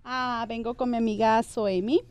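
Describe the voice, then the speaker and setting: Una mujer de Ciudad Obregón, Sonora, invitada al programa de radio, que responde con frases cortas y tímidas. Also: female voice, fairly high pitch, fairly even intonation, normal speed, a crowd in the background. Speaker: studio guest.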